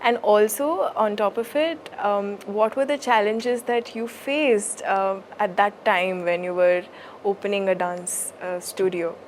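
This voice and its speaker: A woman's voice: mid-range voice, unhurried, a little hiss or hum. A woman interviewing conversationally as a podcast host, hesitant and thinking aloud as she phrases things.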